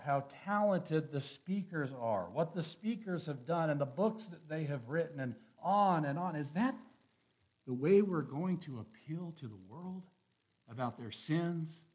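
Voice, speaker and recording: A man preaching a sermon, reading scripture aloud and commenting on it, swinging from hushed, slow phrases to loud, emphatic peaks. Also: a little high. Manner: reads scripture aloud and adds his own commentary.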